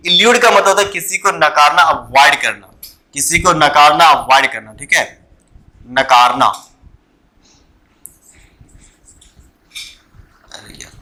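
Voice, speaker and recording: A man's voice: on the high side, pushed and bright, poor audio. A man teaching an online vocabulary class, asking questions and answering them himself and repeating the key words.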